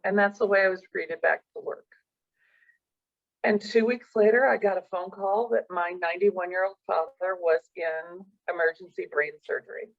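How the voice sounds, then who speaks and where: A woman's voice: lowish voice, steady tone, moderate pace. Earnest middle-aged woman telling her story. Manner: earnest, personal storytelling with quoted dialogue. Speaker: professional coach, guest. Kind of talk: storytelling in an interview. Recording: dull lo-fi sound.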